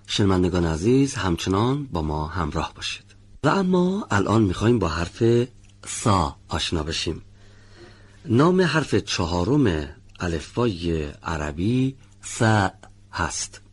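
Husky male recitation teacher, lively pitch. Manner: slow, deliberate drawn-out model readings. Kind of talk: radio lesson on letter pronunciation.

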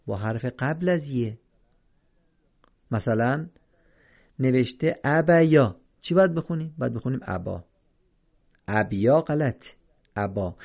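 A man teaching the rules of Quran reading in a recorded lesson, speaking slowly and carefully and repeating each example to set right readings against wrong ones. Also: medium pitch, vocal fry, warm tone, highs cut off.

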